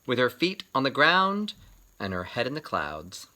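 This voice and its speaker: A man whose voice has a medium pitch narrates a children's book in a lively storytelling manner. He phrases things deliberately and theatrically and leans on dramatic pauses.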